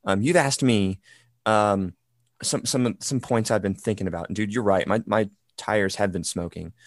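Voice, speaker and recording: A man co-hosting a podcast, talking in an animated, rambling way with lots of fillers. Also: lowish voice, normal speed, no echo, clean studio sound. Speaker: podcast co-host. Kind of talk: casual podcast conversation.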